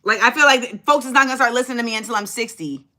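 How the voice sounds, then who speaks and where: A woman in her forties with a fairly high voice talks very fast while hosting a casual livestream. Chatty, sassy and animated, she addresses viewers directly, reading and answering their comments.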